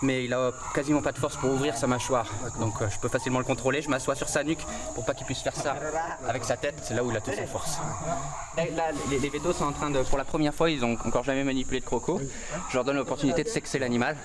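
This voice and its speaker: A man's voice: medium pitch, fairly even intonation, fast talker, a crowd in the background. A man working as a crocodile handler, explaining spontaneously as he works outdoors. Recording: distant mic, noisy outdoor animal ambience.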